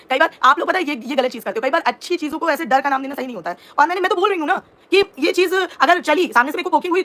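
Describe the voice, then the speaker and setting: Fast, sharp-voiced woman vlogger. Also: high voice. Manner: fast, indignant explaining, answering chat comments. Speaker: YouTube reaction vlogger. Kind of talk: live-stream talk to viewers.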